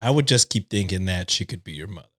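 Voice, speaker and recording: A man's voice: deep voice, animated, fast, fairly bright tone, slightly rough, no echo. Blunt, joking man in a dry room. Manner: joking, blunt, swears freely. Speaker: podcast co-host. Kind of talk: casual chat.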